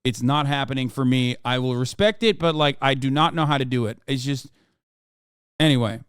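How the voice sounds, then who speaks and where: Fairly quick and mid-range, the voice belongs to a man in his thirties whose first language is Turkish. Into a close mic, he streams a blunt, profane, exasperated reaction rant; the tone is fairly bright and clean, with no room sound.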